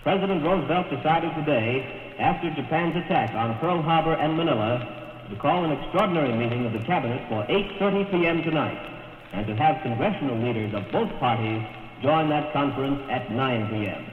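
A man reading a wartime news bulletin in a formal, measured radio announcer manner, heard as an old newsreel-style 1940s broadcast. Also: fairly high pitch, expressive. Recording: tinny, echoey archival 1940s radio broadcast.

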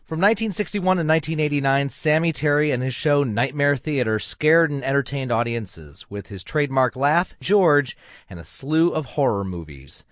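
A man's voice: mid-range voice, expressive, normal speed, no echo, muffled recording. A man hosting on radio, reading a scripted tribute in a presenter's style. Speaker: radio host.

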